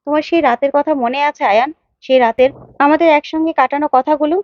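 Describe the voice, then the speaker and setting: A woman's voice: high voice, steady tone, fast, a little mellow, dry recording, dull audio, natural voice. A woman voicing a young woman who insists and pleads over a lost love. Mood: pleading.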